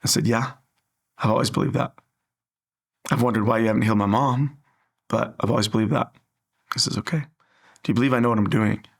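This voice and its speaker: A man's voice: medium pitch, steady tone, fairly quick, creaky, long pauses, slightly rough. A man sharing an earnest personal faith story in an interview, acting out the dialogue as he tells it.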